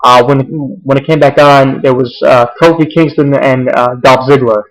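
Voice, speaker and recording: A man's voice: medium pitch, steady tone, moderate pace, poor audio. A young man giving a casual, rambling recap of a wrestling show, full of fillers and restarts.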